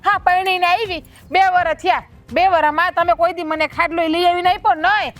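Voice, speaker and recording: A woman's voice: very high voice, steady tone, moderate pace, fairly bright tone. An actress playing a proud young wife who taunts and scolds her husband. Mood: scolding. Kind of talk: village family drama.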